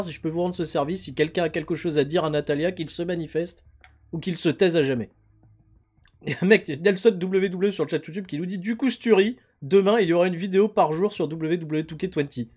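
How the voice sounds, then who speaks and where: A man giving chatty, excitable live commentary while playing a video game and talking to his chat, on a headset mic. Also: high-pitched, fast, breathy edge. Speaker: gaming streamer.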